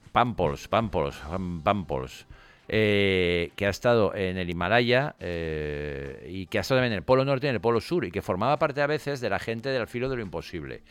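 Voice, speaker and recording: A man's voice: fairly low pitch, clear, resonant tone. A man from hosting a casual talk show, telling anecdotes and mimicking other people's voices. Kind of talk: casual radio chat.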